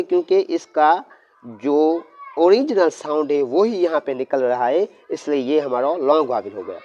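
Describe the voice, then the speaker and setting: A man's voice: a little high, a little mellow. A man teaching a lesson with speech, explaining step by step and answering his own questions. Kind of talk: classroom lesson. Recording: dull lo-fi audio.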